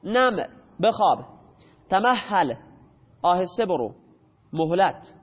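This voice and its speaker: A man with a high voice teaches a grammar class, taking each rule step by step and stopping to quiz his students. The audio is dull and muffled, and his voice rings with a long hall reverb. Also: sing-song, husky. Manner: explains step by step, quizzes students with questions.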